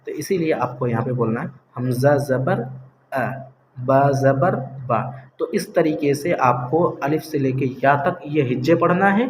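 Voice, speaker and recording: A man teaching Quran reading, sounding out syllables slowly and patiently repeating the rules. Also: medium pitch. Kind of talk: slow step-by-step lesson. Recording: echoey room with faint hiss.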